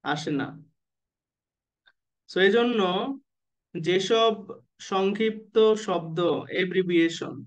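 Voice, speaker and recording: High-voiced man teaching an online class. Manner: asks the class questions and waits for answers; slow, drawn-out spelling of letters and abbreviations. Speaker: nursing admission exam tutor.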